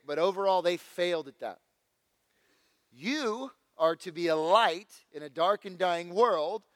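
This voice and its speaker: High-voiced male preacher, exhorting in a reverberant hall. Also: fairly bright tone. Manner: exhorting, with stern warnings of judgment and direct questions to listeners; emphatic repetition in short, deliberate phrases. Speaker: pastor preaching to a congregation. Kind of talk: evangelical sermon.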